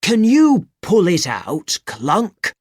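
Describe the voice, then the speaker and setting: A woman reading aloud and voicing a kind, practical old grandfather in a storybook, steady and patient. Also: on the low side, extremely slow, slightly rough, dry recording, studio quality, pitched above the performer's own voice, full character voice. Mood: concerned.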